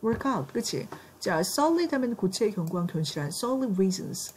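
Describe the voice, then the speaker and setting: A Korean woman teaching English vocabulary in a classroom, brisk and checking in with her students often. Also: mid-range voice, sing-song, a little mellow, slight background noise.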